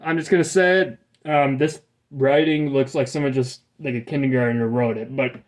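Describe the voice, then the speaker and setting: A man's voice: mid-range voice, steady tone, normal speed. A young man running a tabletop game, rambling with crude jokes and lots of fillers. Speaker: game master. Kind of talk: casual tabletop game narration.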